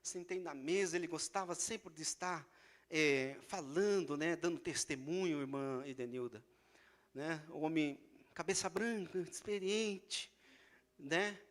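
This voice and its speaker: A man's voice: fairly high pitch, unhurried, fairly bright tone. A man preaching a sermon in a church with a Brazilian Portuguese accent, telling stories and then preaching fervently with emphatic repetition.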